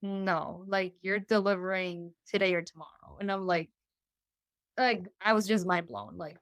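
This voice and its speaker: Chatty young woman with a smooth voice. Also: fairly low pitch, a little slow, fairly bright tone, no room sound. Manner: chatty, full of "you know" and "like", acting out quoted voices. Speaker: interview guest. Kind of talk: casual storytelling.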